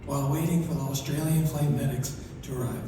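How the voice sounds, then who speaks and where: A soft-spoken man giving an acceptance speech, his articulation slurred as if one side of his mouth is numb. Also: a little high, fairly quick. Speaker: award recipient. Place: large hall through PA. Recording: echoey hall, distant, noisy ambience.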